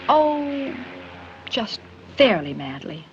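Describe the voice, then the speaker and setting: An actress playing a poised, teasing young stage star and wife, from a 1940s film soundtrack. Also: female voice, a little high, very animated, extremely slow, exaggerated voice. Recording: dull 1940s film soundtrack with faint hiss.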